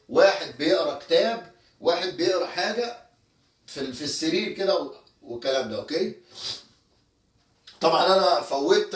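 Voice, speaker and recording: A man's voice: high voice, reverberant, far from the mic. A man with an Egyptian Arabic accent teaching English words, explaining step by step and checking that his students follow. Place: indoor room, moving around while teaching.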